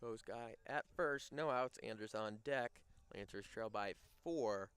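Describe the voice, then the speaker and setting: A young man calls the action of a high school baseball game. His voice is smooth and clear and sits a little low. Between pitches he trades jokes with his broadcast partner. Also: unhurried, fairly bright tone. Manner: banters and teases his co-announcer. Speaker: play-by-play announcer.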